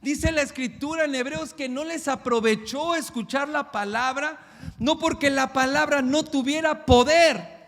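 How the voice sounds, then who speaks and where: A male pastor, preaching a sermon with emphatic, rapid-fire rhetorical questions. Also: extremely high pitch, a bit bright, in a large hall.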